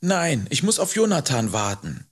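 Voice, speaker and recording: A frightened young boy in an audiobook, crying out in a pleading, shaky voice pitched far above a grown man's, as a male reader puts him on. The voice is husky and gravelly underneath, and the lines come slowly. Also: huge pitch swings, heavily acted. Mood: anxious. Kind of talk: audiobook character voice.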